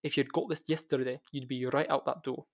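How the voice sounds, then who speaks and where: A man voicing a loud, cheerful Scottish woman who runs a bookshop, speaking in a booming, boisterous way. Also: little pitch movement, fairly quick, close to an everyday voice. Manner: bellowing, boisterous.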